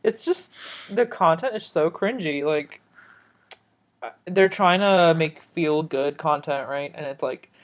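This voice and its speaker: Casting: female co-host, low register, informal slangy podcast banter, voice through a face mask. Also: measured pace. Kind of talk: casual comedic podcast chat.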